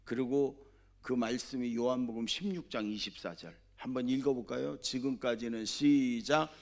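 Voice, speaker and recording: A man preaching a Sunday sermon as senior pastor, talking conversationally and often asking the congregation questions, swinging between loud exhortation and soft asides. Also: mid-range voice, fairly even intonation, moderate pace.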